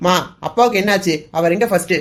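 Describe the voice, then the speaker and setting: A woman's voice: medium pitch, fast, natural voice. A woman voicing a hot-tempered young man in a cartoon serial, who speaks in a bitter, accusing way while grieving his father.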